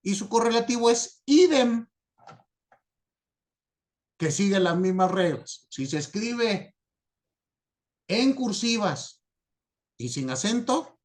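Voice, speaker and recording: Slow, high-voiced male teacher. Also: expressive. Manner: slow, patient, checks understanding often. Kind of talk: recorded lecture on citation format.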